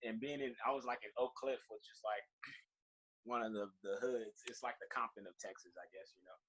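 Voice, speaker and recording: A man's voice: lowish voice, steady tone, normal speed, fairly bright tone, husky, rough recording. A man from California, a podcast guest chatting casually in loose, swear-filled storytelling.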